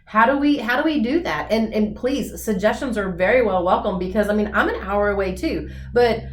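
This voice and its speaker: Excited talkative woman at a team meeting, mid-pitch voice, echoey room. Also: brisk. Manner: eager, talkative, jumps in excitedly. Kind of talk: casual team meeting talk.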